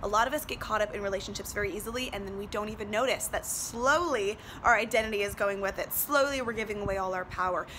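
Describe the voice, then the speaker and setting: A woman's voice: medium pitch, quick pace, few pauses, sharp tone. A woman giving earnest, emphatic relationship advice straight to her viewers, filming herself selfie-style on a boat. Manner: earnest, emphatic, asking rhetorical questions. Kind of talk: direct-to-viewer motivational vlog talk. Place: outdoors on a boat. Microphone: handheld selfie camera at arm's length. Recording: noisy outdoor selfie recording on a boat.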